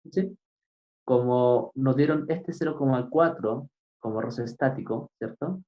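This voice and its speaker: A man teaching physics, explaining a problem step by step and often pausing to ask his students if they follow. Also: medium pitch. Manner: keeps asking "right?" to check understanding; patient, step-by-step. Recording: dull lo-fi recording.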